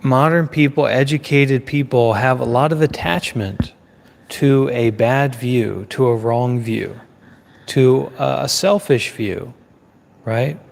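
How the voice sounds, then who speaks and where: A man giving a live Dhamma talk as a Buddhist teacher. He speaks in a measured way, repeating phrases in lists with pauses. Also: mid-range voice, gravelly, in a large hall.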